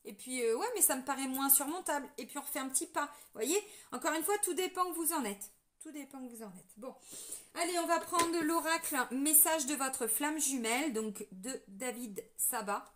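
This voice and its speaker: A high-pitched woman from France gives a spiritual reading in a loose, chatty way. She talks straight to her viewers and often restarts her sentences with fillers as she goes. Her tone stays conversational and personal throughout. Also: normal speed, a bit bright, a little hiss or hum. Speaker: tarot reader giving a spiritual guidance. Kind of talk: casual spoken guidance to viewers.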